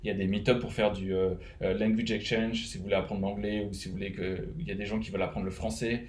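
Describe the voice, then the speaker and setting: A man's voice: on the low side, level tone, fast talker, darkish tone, echoey room, slight background noise. A man from France with a French accent, casually giving advice to fellow web developers, rambling with many fillers and restarts. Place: home, living in Canada.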